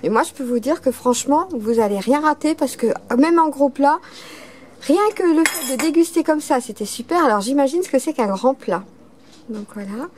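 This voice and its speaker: A woman's voice: high-pitched, moderate pace, darkish tone. A woman hosting a casual on-site restaurant report, enthusiastic and full of praise, with many fillers. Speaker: host of a local restaurant report. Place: outdoor restaurant terrace, then a kitchen. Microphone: camera mic, speaker behind the camera.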